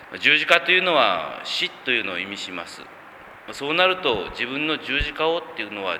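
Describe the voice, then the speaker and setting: A pastor from Kumamoto, Japan, preaching in a calm, measured way and reading scripture, with many soft filler words. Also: male voice, mid-range voice. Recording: reverberant hall, faint traffic noise.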